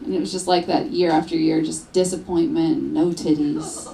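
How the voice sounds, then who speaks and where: A woman's voice: low-pitched, level tone, moderate pace, vocal fry, warm tone. A woman in her thirties performing a stand-up comedy set on a club stage, telling bawdy, self-mocking stories into a handheld mic and acting out voices. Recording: live club recording with crowd noise. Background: audience laughter.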